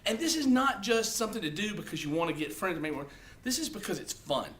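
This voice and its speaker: His voice sits high and a bit bright, swinging widely in pitch at a slightly fast pace. Casually speaking to the camera, the man gives blunt, profane social-media advice, often ending points with "okay?".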